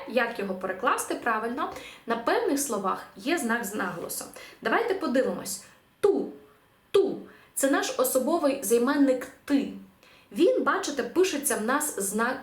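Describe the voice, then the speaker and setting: A woman's voice: on the high side, echoey room. A woman teaching an online language lesson, explaining patiently with frequent hesitation sounds.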